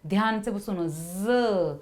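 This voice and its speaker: A woman's voice: medium pitch, animated, a little mellow. Patient woman teaching children. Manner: patient, slow explanation with repeated letter sounds; frequent hesitation fillers. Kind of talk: Hindi lesson for children.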